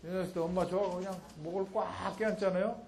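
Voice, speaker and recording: Animated male lecturer, high voice. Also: quick pace, slight background noise, low-quality recording. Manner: animated, acting out mother and child in quotes. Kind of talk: public lecture.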